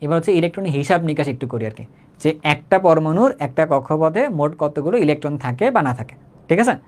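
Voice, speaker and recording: Young male Bangladeshi tutor, quick patient delivery, repeats points and checks in often. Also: fairly high pitch, animated, a little mellow. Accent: Bangladeshi Bengali. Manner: conversational, keeps checking if students understood; says he talks slowly, repeats himself. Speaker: chemistry teacher. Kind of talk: live online class.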